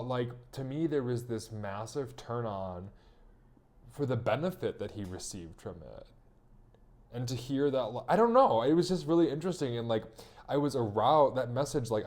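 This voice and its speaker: A man's voice: on the low side, darkish tone. A young man telling a personal story in a candid, rambling monologue, full of fillers and swearing. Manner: profane, rambling with many fillers. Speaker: vlogger recounting a personal story.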